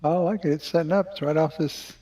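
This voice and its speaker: A man's voice: a little high, steady tone, quick pace, warm tone. A man co-hosting a live trading stream, chatting casually with wry, joking banter. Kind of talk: casual chat while trading.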